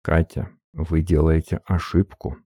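A man voicing a suave, weary older privy councillor in an audiobook, slow, measured and courteous. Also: sits low, dark tone, no echo, clean studio sound. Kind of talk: audiobook character reading.

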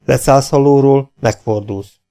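Egy makacs, feszült fiatal fiú, aki egy férfi felolvasó hangján kurtán, ellentmondást nem tűrően ad parancsokat. Sötét, kissé recsegő férfihang, mely szárazon, rövid mondatokban vág oda. Egy hangoskönyv kemény ifjú hőse. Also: male voice, medium pitch, mellow, smooth, voice pushed up, lightly acted. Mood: stern. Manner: blunt, terse demands. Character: stubborn young male captor, a tense youth.

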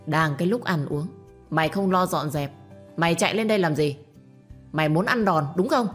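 A woman's voice: fairly low pitch, normal speed, breathy edge, soft background music. A woman voicing a stern, commanding mistress of a household who lectures and orders servants about. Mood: scolding. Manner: stern, bossy.

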